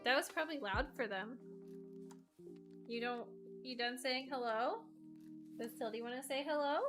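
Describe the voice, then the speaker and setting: A woman's voice: high voice, normal speed, over music. A young woman streaming from home at a desk mic, chatting casually, laughing often and cooing praise at her dog. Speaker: live streamer.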